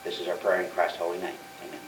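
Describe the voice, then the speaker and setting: A man leading a formal public prayer in a measured, solemn, reverent manner. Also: low-pitched, completely flat delivery, recorded from a distance. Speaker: member leading the opening prayer. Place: meeting room. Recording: echoey room from afar, faint noise.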